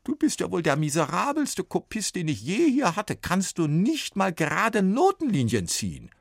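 An exasperated music copyist grumbles and scolds in a raised, strained voice, acted out by a man reading a storybook. His pitch leaps about as he complains, and the sound stays close and dry. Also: huge pitch swings, moderate pace, creaky, no echo, full character voice. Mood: scolding.

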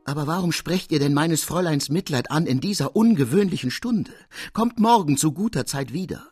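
A man's voice: fairly high pitch, expressive, normal speed, a little mellow, faint music behind, voice pushed up, natural voice. A man voicing a stern, frightened older housekeeper woman who scolds firmly in a raised voice. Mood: reproachful. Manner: firm, scolding.

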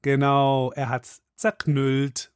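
A man's voice: mid-range voice, monotone, takes it slowly, a little hiss or hum. A man hosting a children's audio program, speaking directly to young listeners and quizzing them. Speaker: host explaining to children. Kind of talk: friendly explaining to kids.

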